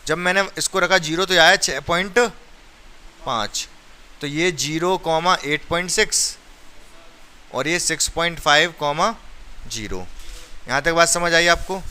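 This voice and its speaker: A man's voice: fairly high pitch, unhurried, pauses often, bright, forceful tone, clean tone. A male maths teacher teaching a class step by step, counting aloud and urging his students. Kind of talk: classroom lesson.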